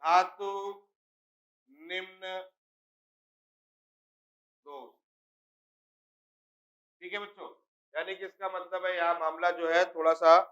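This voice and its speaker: A man's voice: high voice, fairly bright tone, muffled recording. A male chemistry teacher lecturing a class, explaining step by step and repeatedly asking students if they understand.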